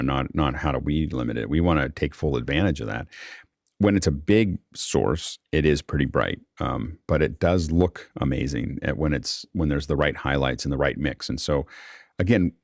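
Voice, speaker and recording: A man with a bass voice hosts a live online panel over a remote video call, talking casually and briskly. He thinks aloud, rambles and often repeats words. The sound is clean studio quality with no room sound.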